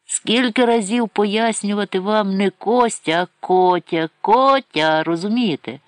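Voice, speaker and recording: A man's voice: a little high, very animated, moderate pace, no echo, pitched above the performer's own voice. A man voicing a cocky, theatrical young male soldier who talks in a showy, playfully pompous way. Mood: theatrical, mocking. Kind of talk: audiobook character reading.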